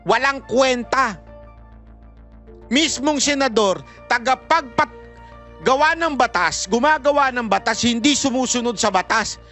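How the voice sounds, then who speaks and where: A man's voice: very high-pitched, bright, forceful tone. A man vlogging, telling a story in casual commentary and mixing Tagalog with English, laughing often as he retells it.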